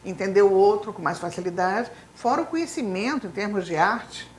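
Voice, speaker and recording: Her mid-range, darkish voice moves a little fast over slight background noise. She's a Brazilian retired professor in her fifties, Spanish by native language, recounting her childhood in a long interview story full of fillers such as "né," "então," and "assim."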